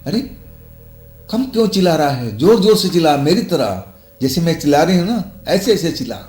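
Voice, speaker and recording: A man voicing a gleeful, menacing old female witch in a horror story, taunting in shrill shouts. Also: animated, unhurried, reverberant, soft background music.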